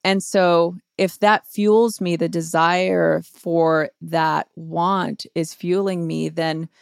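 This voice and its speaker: A woman's voice: fairly low pitch, fairly even intonation, slow, creaky, clear, resonant tone, dry recording, clean studio sound. A woman guest on an advice podcast, talking earnestly and asking rhetorical questions as she shares her own experience. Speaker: guest author.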